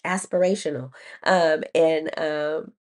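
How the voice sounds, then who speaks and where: A woman's voice: deep voice, steady tone, slow. A woman educator hosting a podcast, explaining a writing lesson in a chatty way, laughing at herself, with many ums and restarts. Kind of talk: casual teaching talk.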